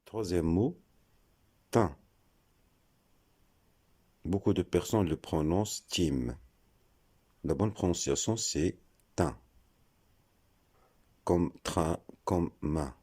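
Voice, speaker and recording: A man with a very deep, dark voice explains pronunciation in a slow, deliberate way. He spells words out letter by letter, like a patient teacher. His tone is husky. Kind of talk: scripted explanatory lesson.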